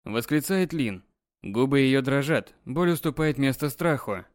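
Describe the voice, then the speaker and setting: A man reads an audiobook aloud in an even, dramatic storytelling manner. His voice sits at a medium pitch. The recording is dry and close, with no echo. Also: measured pace. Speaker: narrator. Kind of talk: scripted audiobook narration.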